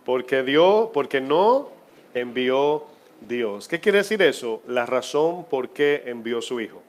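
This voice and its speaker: A male pastor preaching to his church at a mid-range pitch. He keeps asking the congregation questions. His voice rises into loud, stressed words, then drops into slow, hushed phrases. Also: lively intonation. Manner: swings between loud emphasis and quiet, drawn-out phrases. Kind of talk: sermon.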